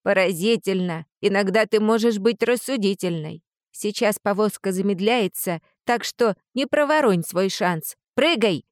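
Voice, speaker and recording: A woman's voice: mid-range voice, unhurried, dry recording, studio quality, natural voice. A woman reading an audiobook and voicing a small, haughty male lizard guardian spirit who hisses and talks down to people. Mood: urgent. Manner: hissing, condescending.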